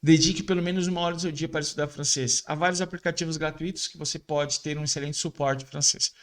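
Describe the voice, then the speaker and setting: A man with a fairly high voice gives a casual video lesson on French pronunciation. He explains things informally and repeats French words slowly, over and over, so viewers can practice along. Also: steady tone, fairly bright tone. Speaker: French teacher.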